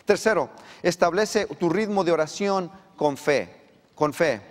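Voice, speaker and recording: A man preaching a sermon as pastor, with an animated delivery that climbs and presses harder when he drives a point home. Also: a little high, unhurried. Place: church sanctuary. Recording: long church reverb.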